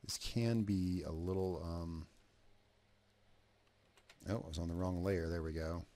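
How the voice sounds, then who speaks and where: A man's voice: low-pitched, fairly even intonation, a little slow, dark tone. A man talking through a video edit as he works, thinking aloud, trailing off and restarting, swearing casually, a cigarette in his mouth. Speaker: video creator narrating an editing session. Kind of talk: casual screen-recording commentary.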